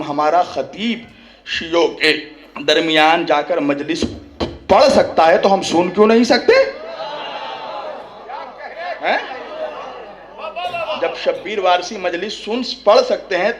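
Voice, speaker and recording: At a mourning gathering, a high-voiced male religious orator gives a fervent sermon, addressing the audience directly. He fills his talk with rhetorical questions and an inquiring "hain?", and his voice swells into shouts at the climaxes.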